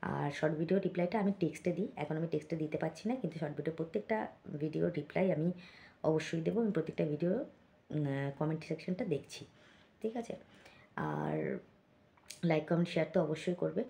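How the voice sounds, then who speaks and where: A woman vlogger talks casually to her viewers and reads their comments aloud. Her voice sits low and sounds mellow. She keeps it chatty, with many small fillers and asides. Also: animated, fairly quick, creaky, long pauses. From Bengal.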